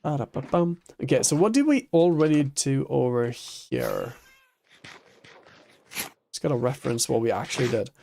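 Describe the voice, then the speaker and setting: A man's voice: medium pitch, sing-song, normal speed, vocal fry, long pauses, dark tone, a little hiss or hum. A man streaming a building game, thinking aloud and chatting with viewers, laughing easily. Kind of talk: casual chat while playing a building game.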